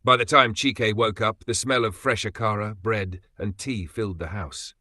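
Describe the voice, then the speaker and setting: A man's voice: on the low side, steady tone, moderate pace, pushed and bright, no echo. A man narrating a dramatic story with an emotive storytelling manner.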